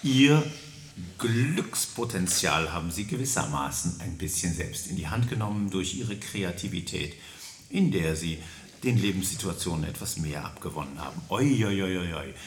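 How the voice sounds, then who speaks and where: A man leading a singing warm-up lesson, coaching listeners and demonstrating syllables and vowels in a high falsetto. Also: lively intonation, moderate pace, roomy sound, slight background noise. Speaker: singing teacher.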